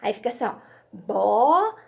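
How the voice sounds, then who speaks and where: A woman teacher speaks to young children in a high, bright voice. Her pitch swoops up and down with lively emphasis, and she takes her time, drawing out each syllable so the little ones can follow. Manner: slow, animated, sounds out syllables for young pupils. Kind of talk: children's lesson.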